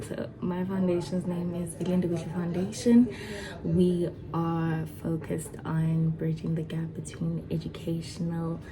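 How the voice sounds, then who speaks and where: A woman in her twenties talking casually to camera as a vlogger, chatty and excited, with many fillers and restarts. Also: low-pitched, poor audio. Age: 20s. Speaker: vlogger and foundation founder.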